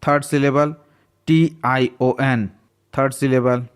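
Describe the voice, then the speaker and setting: A male English teacher talks through his lesson at a very slow, careful pace. His pitch sits in the middle range, and he patiently spells words out letter by letter. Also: steady tone, clean tone.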